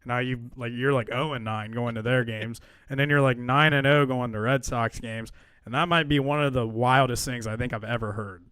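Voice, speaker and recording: A man's voice: mid-range voice, steady tone, a little fast, fairly bright tone, smooth, no echo. A young man co-hosting a podcast in casual chat, laid-back and agreeable, swearing now and then. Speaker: podcast co-host.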